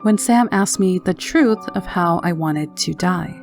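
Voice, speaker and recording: A woman with a slightly low voice narrates a scary story in the first person. Her delivery is measured and haunting, like scripted horror narration. Soft music plays behind her. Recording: narration over background music.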